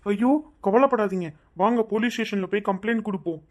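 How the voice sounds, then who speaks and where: A woman's voice: mid-range voice, fast talker, a little mellow, lightly acted. A woman voicing a polite, helpful young man. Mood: reassuring. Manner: polite, reassuring.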